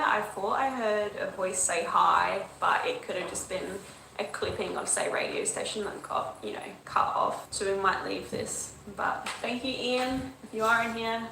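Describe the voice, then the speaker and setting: A woman's voice: mid-range voice, moderate pace, gravelly, distant mic. A woman hosting a ghost-hunting vlog inside a church, talking earnestly and coaxing unseen spirits to respond. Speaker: paranormal investigator and host. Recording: echoey church, noisy background.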